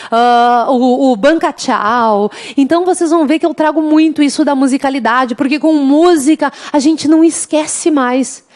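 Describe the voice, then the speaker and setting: Speaking in a high register with the accent of interior Rio Grande do Sul, a southern Brazilian woman leads a lively online law exam prep class. She's chatty and teasing, warmly calling her students "gente," and sings a samba as a mnemonic.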